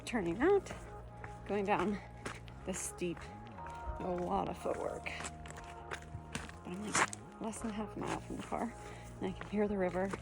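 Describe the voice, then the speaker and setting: Slow-paced woman talking while running, music behind. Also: medium pitch. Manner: talking while hiking and running a steep mountain trail. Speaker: trail-running vlogger. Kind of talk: casual self-filmed vlog talk. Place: outdoors on a mountain trail.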